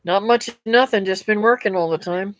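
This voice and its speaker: A middle-aged woman with a medium-pitched, slightly stuffy and nasal voice talks fairly quickly as she reads live comments. She's a homestead vlogger, chatting with her stream viewers in a rambling way and calling them "guys" and "y'all."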